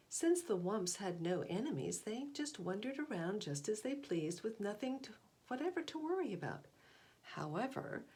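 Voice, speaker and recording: A volunteer reads a picture book aloud to children in a medium-pitched, darkish voice. She stresses key words expressively and makes asides to her young listeners.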